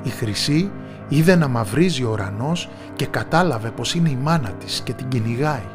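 A man tells a fairy tale at an unhurried storyteller's pace, his voice sitting in a middle register. In the hushed passages he drops low and soft. Faint music plays underneath. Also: animated. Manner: measured storyteller's telling, dropping low in quiet moments.

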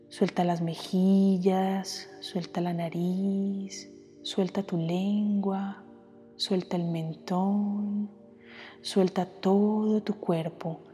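A female meditation guide, perhaps a podcast host, talks at a medium pitch in a soft, mellow tone. Her delivery is unhurried and gentle, with generous pauses. Music runs underneath, and her voice has a long reverb.

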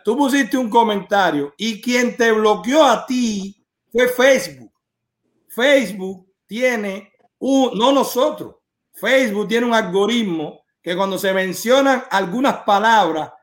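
A man's voice: sits high, expressive, unhurried. A man hosting a live stream, arguing insistently and lecturing a caller point by point.

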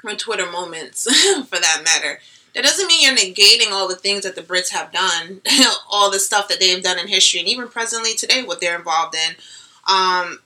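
A young woman co-hosting a casual chat show, animated and slangy, laughing often. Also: medium pitch, moderate pace, rough recording. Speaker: podcast co-host.

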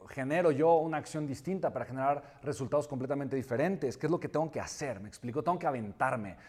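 A man's voice: mid-range voice, darkish tone. A man giving a motivational talk, emphatic and repeating key words, often asking if he is understood. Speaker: motivational speaker.

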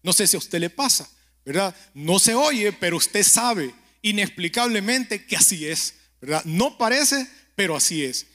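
A man preaching a conversational sermon and prayer, telling stories, speaking straight to the listener and often checking in with a quick question. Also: high-pitched, animated, pushed and bright. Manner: keeps asking the listener "¿verdad?".

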